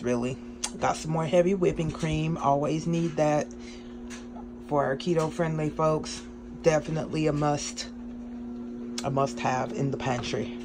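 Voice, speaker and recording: An upbeat woman runs through a casual grocery haul vlog in her cramped home kitchen. She chats freely and keeps stopping on ums. The phone recording carries a clear layer of background noise. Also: deep voice. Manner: chatty and excited, with many ums. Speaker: vlogger.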